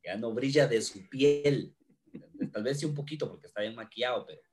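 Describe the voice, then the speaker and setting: Man, mid-pitched podcast co-host, crude jokey banter with plenty of swearing. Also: brisk, darkish tone. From Guatemala. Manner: joking, crude, swears freely. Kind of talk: casual chat.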